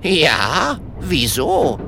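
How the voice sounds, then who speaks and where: A woman's voice: deep voice, wildly swooping pitch, extremely slow, creaky, sharp tone, a little hiss or hum, pitched above the performer's own voice, full character voice. A woman voicing an indignant old male wizard who has been turned into a goat, speaking in a pompous, huffy way. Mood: eager.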